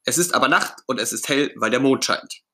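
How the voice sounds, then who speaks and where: A man's voice: medium pitch, a little fast, a bit bright, slight background noise, lightly acted. A man voicing Bert, a fussy, self-important puppet friend, in a storybook reading with a pompous, brusque manner.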